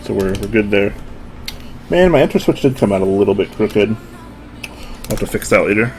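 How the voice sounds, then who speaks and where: At his home desk, a young man builds a keyboard while casually chatting to his stream viewers over music. His voice is lowish with a moderate pace and a little hiss or hum. He's relaxed and rambling, pokes fun at himself and answers chat.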